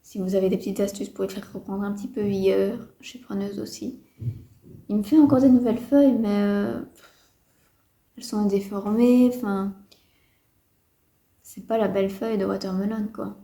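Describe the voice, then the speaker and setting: A woman's voice: medium pitch, steady tone, moderate pace, pauses often, warm tone. A woman casually chatting to camera as a houseplant vlogger, hesitant, with many fillers and a mildly disappointed tone, indoors at home. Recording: roomy echo.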